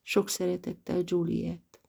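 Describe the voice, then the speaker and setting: A woman narrating an audiobook of a novel written as letters, reading dramatically and swinging from loud passages to near-whispers. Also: fairly low pitch, little pitch movement, creaky, slightly rough.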